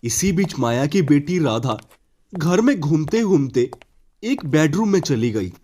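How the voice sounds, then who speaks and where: A man narrating an animated moral story in an expressive storytelling manner. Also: a little high, a little slow.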